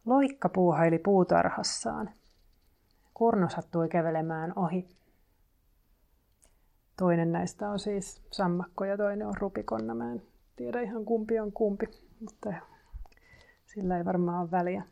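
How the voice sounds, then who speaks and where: A woman meditation teacher giving a calm dharma talk and reading a story aloud. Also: medium pitch, creaky, long pauses.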